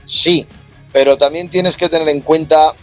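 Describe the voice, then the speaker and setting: A man's voice: on the high side, steady tone, a little slow, fairly bright tone, faint music behind. Frank Spanish man in his forties. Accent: Spain. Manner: colloquial, frank, jokey. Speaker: guest singer. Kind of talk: casual music chat.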